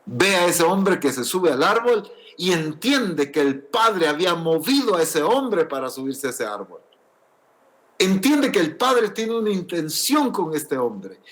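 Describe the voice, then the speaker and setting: Male pastor, higher-pitched, animated delivery, earnest teaching sermon. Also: measured pace. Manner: earnest, explanatory preaching with rhetorical questions. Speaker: preacher. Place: church.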